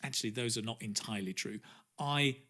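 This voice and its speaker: A woman's voice: rumbling low, a bit bright. A woman from England in a played teaching clip, talking about her family. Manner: chatty self-introduction, quick asides.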